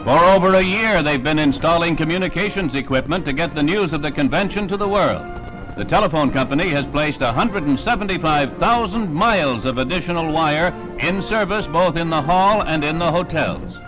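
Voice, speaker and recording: Male narrator for a vintage 1960s newsreel, formal announcer read with a slightly raised pitch, recorded over loud music. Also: expressive, fairly quick, rough recording.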